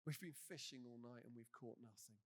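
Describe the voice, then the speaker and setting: A man's voice: mid-range voice, brisk, fairly bright tone, voice pushed down. A man voicing a weary grumbling fisherman. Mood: exasperated.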